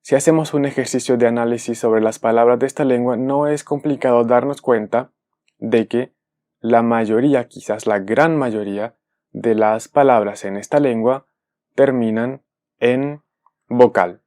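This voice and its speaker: A man, a native speaker, giving a careful explanatory video lesson, often pausing to rephrase himself. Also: medium pitch, fairly even intonation, a little mellow. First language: Spanish. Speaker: language teacher.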